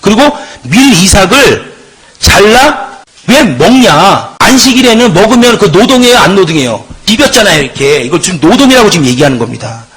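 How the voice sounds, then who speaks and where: A middle-aged man teaches scripture in an emphatic lecturing manner. His husky voice sits high, and he keeps putting rhetorical questions to the class. His pitch swings widely as he drives each point home. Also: a bit bright, low-quality recording. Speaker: Bible teacher. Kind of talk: Bible lecture.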